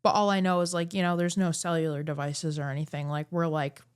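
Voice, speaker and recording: A woman's voice: low-pitched, flat delivery, a little fast, clear, resonant tone. A woman co-hosting a podcast in casual chat, rambling with lots of fillers. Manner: chatty, rambling with many fillers. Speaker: podcast co-host.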